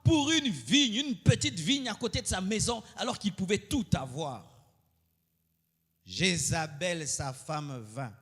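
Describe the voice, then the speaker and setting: A male pastor preaching a sermon, moving between loud, high outbursts and quiet asides. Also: expressive, takes it slowly, breathy edge. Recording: long hall reverb.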